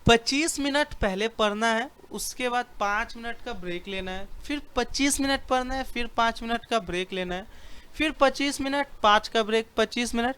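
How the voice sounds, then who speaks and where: A man's voice: sits high, a bit bright. A man giving a motivational lecture to students on study skills in an auditorium, talking emphatically and colloquially, repeating phrases and asking rhetorical questions.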